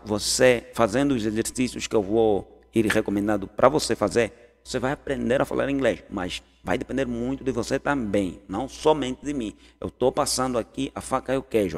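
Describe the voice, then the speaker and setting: A man giving a casual online English lesson, slowly repeating example sentences and putting questions to his learners. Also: mid-range voice, big-room sound. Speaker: English teacher.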